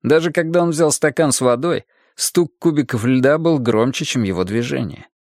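A man reading a first-person detective story aloud with measured, dramatic pacing. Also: medium pitch, darkish tone, no room sound, studio quality. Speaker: audiobook narrator.

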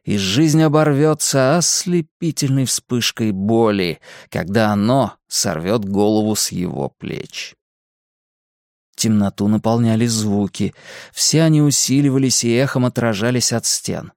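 Measured male audiobook narrator, dry sound. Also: medium pitch, no room sound. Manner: steady, measured reading.

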